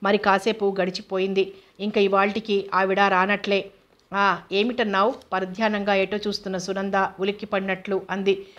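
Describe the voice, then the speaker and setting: A woman's voice: mid-range voice, completely flat delivery, moderate pace, muffled recording. A woman reading a novel aloud as a narrator, voicing every character in her own voice. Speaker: audiobook narrator.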